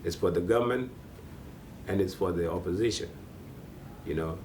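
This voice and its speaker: A man speaking calmly and firmly in a documentary interview. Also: low-pitched, normal speed, a little hiss or hum.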